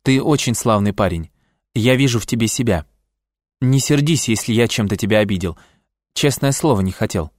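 A man voicing a weary, centuries-old man who speaks in a tired, gentle and measured way in an audiobook. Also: fairly low pitch, lively intonation, no echo, studio quality, lightly acted. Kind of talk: audiobook character reading.

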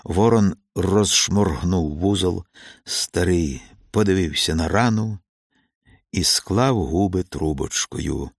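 Brief: low male storyteller, steady and measured, close dry recording with faint music underneath. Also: creaky, no room sound. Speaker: narrator. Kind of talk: audiobook narration.

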